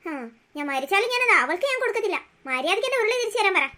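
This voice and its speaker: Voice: extremely high pitch, very animated, pushed and bright, exaggerated voice. A voice actor doing a furious old cartoon grandmother. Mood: angry. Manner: scolding, threatening, quick-talking. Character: hot-tempered old grandmother, possessive and shouting. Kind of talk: cartoon story voice acting.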